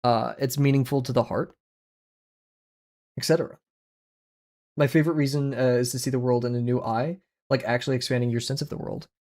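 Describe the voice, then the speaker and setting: A young man livestreams while drawing from a small room at home, chatting into a headset boom mic in a rambling, casual way, full of fillers and self-deprecating asides. His medium-pitched, darkish voice holds a steady tone and moves a little fast, broken by long pauses.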